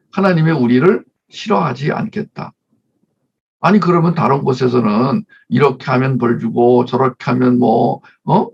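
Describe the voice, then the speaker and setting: Gravelly male pastor, lively sermon. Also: medium pitch, highs cut off. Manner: acts out mother and child voices, leads congregation reading. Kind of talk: conversational sermon with Bible readings.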